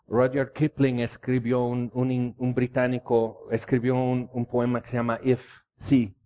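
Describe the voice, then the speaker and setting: Man preaching, warm dull recording. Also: medium pitch, completely flat delivery, a little slow. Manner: impassioned storytelling preaching. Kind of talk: sermon.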